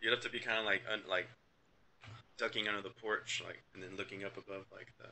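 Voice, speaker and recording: A man runs a tabletop game as game master with a very bright, forward tone. He sits somewhat low in pitch and narrates casually. He hesitates often and fills pauses with "um" and "like". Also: fairly even intonation, slight background noise. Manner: casual, hesitant, full of fillers.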